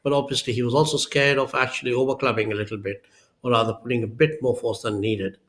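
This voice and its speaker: A man's voice: mid-range voice, fairly even intonation, quick pace, fairly bright tone. A man giving conversational golf analysis as a co-commentator.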